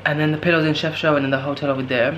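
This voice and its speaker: Speaking rapid-fire in a fairly high, flat, fairly bright voice, a man in his twenties vlogs solo while traveling, rambling casually and tiredly to a handheld camera at arm's length with plenty of fillers. He's worn out, sore-throated, and moves from a guesthouse room to a noisy narrow street at night, with clear background noise.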